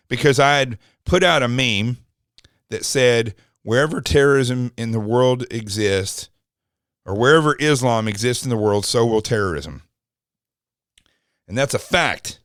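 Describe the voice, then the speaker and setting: A man's voice: mid-range voice, fairly bright tone, no echo, clean studio sound. A man hosting a podcast, talking in an indignant, mocking, rambling way about a news clip. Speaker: podcast host. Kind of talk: opinionated commentary.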